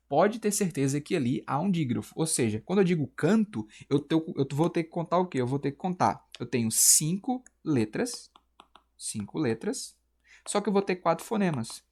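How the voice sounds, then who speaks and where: A man's voice: on the high side, a little mellow. A man with a Brazilian accent teaching a casual exam-prep lesson. He talks in a chatty, slangy way and keeps checking in with "né?" and "beleza?". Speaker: Portuguese teacher.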